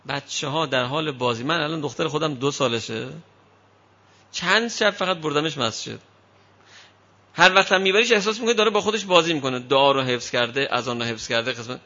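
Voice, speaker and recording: A man with a fairly high, bright voice gives a parenting talk to an audience. He tells his points as lively stories and slips into quoted parents and children. The recording is dull and lo-fi. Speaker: parenting lecturer. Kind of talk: speaking to an audience on child upbringing.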